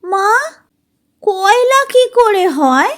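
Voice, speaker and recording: A woman's voice: very high voice, expressive, drawn-out words, voice pushed up, exaggerated voice. A woman doing a whiny, nasal little girl. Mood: tearful whining. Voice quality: nasal, tearful whine.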